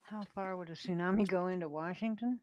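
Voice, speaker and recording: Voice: medium pitch, a little fast, lo-fi sound, slight background noise. A speaker on a casual group chat show, reading facts aloud and correcting the others.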